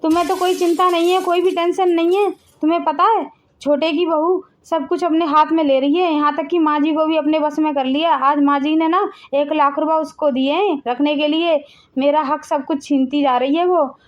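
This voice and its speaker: A woman's voice: on the high side, unhurried, natural voice. A woman doing a scheming, jealous sister-in-law. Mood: agitated. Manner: sharp, sulky, plotting. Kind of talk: animated family drama voice acting.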